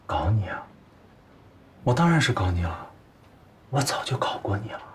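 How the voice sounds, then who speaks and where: An actor playing a sleazy, spiteful male office supervisor who sneers and shouts denials. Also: high voice, big pitch swings, quick pace, noisy background. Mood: sneering.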